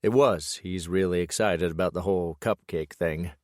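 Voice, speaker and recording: Male audiobook narrator, low voice, close dry studio sound, steady first-person storytelling. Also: normal speed, dry recording.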